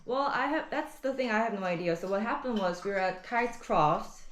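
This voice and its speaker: A woman, talking haltingly on a phone call after an upsetting morning. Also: medium pitch, animated, reverberant. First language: Korean. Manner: hesitant, halting, many fillers. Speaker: vlogger. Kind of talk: shaken phone call and narration.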